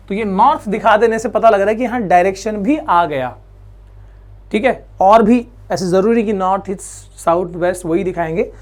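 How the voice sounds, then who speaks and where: Chatty male teacher explaining step by step. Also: high-pitched. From India. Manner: chatty, asks questions and answers them himself; coaxing, reassuring students. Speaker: physics teacher. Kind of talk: classroom lecture.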